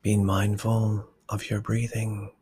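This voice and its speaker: A man leading a guided meditation, giving slow, soft instructions that often drop to a whisper. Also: on the low side, monotone, slightly rough.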